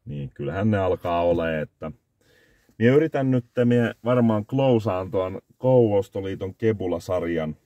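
Deep-voiced man reviewing food in a car. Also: animated, warm tone, no room sound, highs cut off. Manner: rambling, self-correcting, scoring dishes out of five. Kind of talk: casual review vlog. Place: inside a parked car. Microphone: phone camera on the dashboard.

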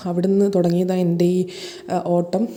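Woman reading a slow, halting husband in a TV serial recap, mellow and even. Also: fairly low pitch, natural voice. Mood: wistful. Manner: slow, hesitant, halting speech. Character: troubled husband recalling his hard youth.

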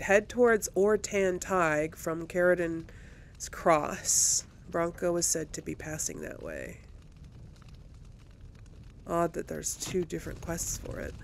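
A woman with a lowish voice hosts a casual let's play, chatting informally and thinking out loud as she plays the game. Game music runs underneath, along with slight background noise.

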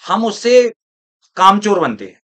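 Rhetorical male teacher, slightly high. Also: big pitch swings, a little slow, fairly bright tone. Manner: rhetorical, asks students if they follow. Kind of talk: classroom lecture.

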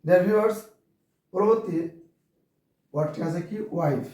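A man with a Bengali accent teaches an English grammar lesson to camera, frequently saying "dear viewers" and spelling words out letter by letter. His voice is high-pitched, somewhat slow and a bit mellow. The room is very echoey, and he sounds distant.

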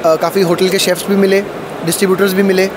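This man in his thirties has a high, flat voice and a fast delivery as he presents a food company's products for a trade fair interview. He speaks into a handheld mic held by the interviewer at a busy indoor stall, with plenty of hall noise.

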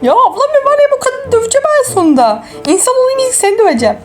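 A woman puts on a grumpy girl trapped in her dog's body in a toy-game role-play, griping and indignant. The voice sits very high and swoops around wildly. Music plays clearly behind her. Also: very animated, very fast. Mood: fed up. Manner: indignant, griping, swearing mildly. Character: grumpy girl swapped into her pet dog.

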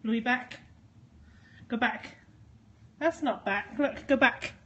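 Her voice is fairly high, slow, bright and forceful, with the highs cut off and slight noise in the background. She's filming an unboxing at home and casually coaxes her dogs in a sing-song tone as she opens the parcel.

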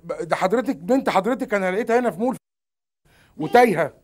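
A man's voice: high voice, expressive, fast talker. An Egyptian man caught in a prank, talking hurriedly and in growing exasperation on the phone. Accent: Egyptian Arabic. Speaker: prank victim.

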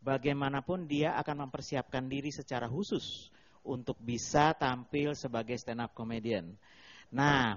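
A man hosting a TV comedy show, explaining patiently in a casual way and mixing in English phrases, speaking into a handheld mic. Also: mid-range voice. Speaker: host and comedy mentor. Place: TV studio with live audience. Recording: dull lo-fi TV broadcast.

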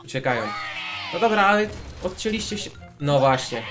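A man's voice: sits high, lively intonation, normal speed. A man with a Polish accent hosting a reaction video, commenting casually as he exclaims and puzzles aloud. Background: music and clip audio.

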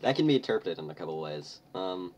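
A man's voice: low voice, expressive, fast talker, far from the mic, background noise. A man hosting a comic read-through of a fan-fiction story, joking and stumbling over the text with chuckling asides. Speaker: online reader, channel host. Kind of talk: comic dramatic reading.

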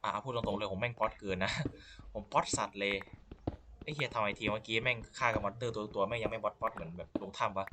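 Excitable, swearing man narrating his gameplay. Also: on the low side, quick pace, background noise. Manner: profane, self-mocking, excitable. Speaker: gameplay commentator. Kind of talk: casual let's-play commentary.

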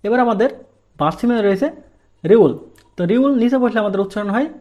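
High-voiced man teaching a language lesson. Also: animated, quick pace, muffled recording. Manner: patient, asks rhetorical questions, repeats rules. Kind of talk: explaining a lesson step by step.

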